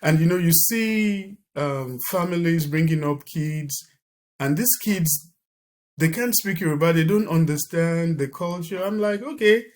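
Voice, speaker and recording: Being interviewed on a podcast, a middle-aged man with a Nigerian accent speaks a little slowly in a fairly high, darkish voice. He tends to restart and repeat his words as the conversation goes on.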